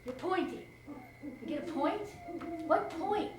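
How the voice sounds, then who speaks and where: A woman's voice: very high-pitched, expressive, slow, full character voice. An actress playing a chatty, irreverent charwoman on stage, laughing often as she talks to a silent listener. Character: chatty middle-aged charwoman, cheeky and irreverent. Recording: echoey stage sound from far off, faint hiss.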